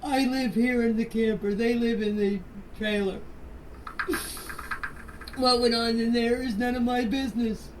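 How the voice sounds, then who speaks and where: Speaking with a fairly high pitch and fairly even intonation, an older Canadian woman takes her time, leaving long pauses. In a distant, noisy phone voice message, she gives an earnest, defensive personal account, repeating and insisting on her points.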